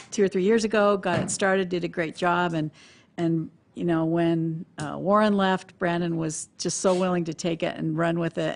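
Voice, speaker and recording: Woman on a council saying thanks off the cuff, lowish voice, lots of fry. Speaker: council member. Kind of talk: informal spoken thanks at a meeting.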